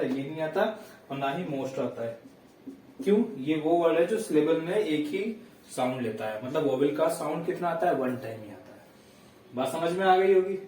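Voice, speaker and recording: A man's voice: on the high side, darkish tone, slight background noise. Man teaching grammar in an echoey room. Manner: explains step by step, checks in with students; dictates sentences slowly word by word. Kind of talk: classroom grammar lesson. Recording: echoey room, voice heard from a distance.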